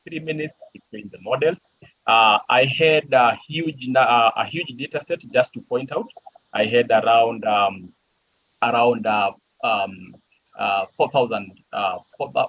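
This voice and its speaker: A man's voice: fairly low pitch, gravelly, husky, dry recording. A man answering questions about his work after a presentation, hesitant and full of fillers. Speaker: challenge participant. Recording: dull lo-fi call audio.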